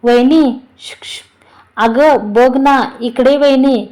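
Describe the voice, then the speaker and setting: A woman voicing a playful young man who teases and pleads in a hushed way, within a storybook reading. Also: high-pitched, fairly even intonation, a little slow, poor audio. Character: brash young man, teasing brother-in-law.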